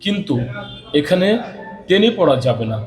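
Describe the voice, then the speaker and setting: A man teaching Quran reading, explaining rules step by step and reciting verses slowly, repeating each rule. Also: sits high, animated, poor audio. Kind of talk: slow, repetitive recitation lesson.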